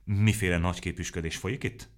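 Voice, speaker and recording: A man voicing a calm, sensible storybook hero who talks in a measured, matter-of-fact way. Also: sits low, lightly acted. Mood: firm. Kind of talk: storybook reading.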